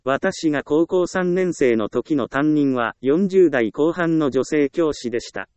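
A man narrating a self-help book in a calm, measured reading voice with even pauses. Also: fairly high pitch, clear, resonant tone, dry recording. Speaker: audiobook narrator.

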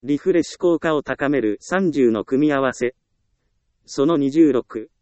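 A man giving scripted self-help narration in a calm, measured reading with frequent short pauses. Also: medium pitch, no room sound.

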